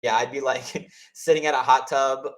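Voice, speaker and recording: Rambling man telling stories. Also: normal speed. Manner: rambling, heavy use of "like" and restarts; acts out quoted voices with lively pitch jumps. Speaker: host of office hours. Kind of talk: casual storytelling chat.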